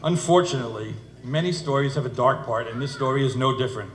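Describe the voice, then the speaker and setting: Speaking fast in a medium-pitched voice, a middle-aged man gives a funny, story-style speech as father of the bride, dropping dry asides along the way. The indoor reception venue sounds echoey and noisy.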